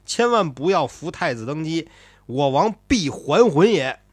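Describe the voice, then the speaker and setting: An earnest, loyal chancellor of an ancient court who presses his point with insistence, as a man puts him on. His pitch rises and falls in lively swings. The sound is dry and close. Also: measured pace, husky, no echo, heavily acted. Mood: urgent pleading. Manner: earnest pleading.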